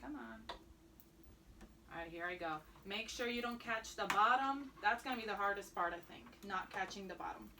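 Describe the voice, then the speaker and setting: Working at her sewing machine, a woman whose native language is Spanish narrates every step of a tutorial in an upbeat, chatty way. Her voice is medium in pitch and moderately paced, with background noise in the recording. She is a sewing instructor.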